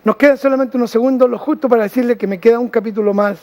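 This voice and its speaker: High-voiced Chilean man preaching. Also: fairly even intonation, very fast, a little mellow. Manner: storytelling preacher, ends in prayer. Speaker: pastor. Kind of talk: TV sermon.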